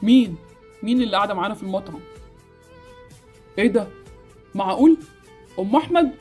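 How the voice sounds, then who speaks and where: Woman playing an Egyptian husband, very fast talker. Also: mid-range voice, animated, darkish tone, soft background music, natural voice. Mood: startled, indignant. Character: good-hearted husband, decisive and easily persuaded. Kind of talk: amateur game-animation story acting.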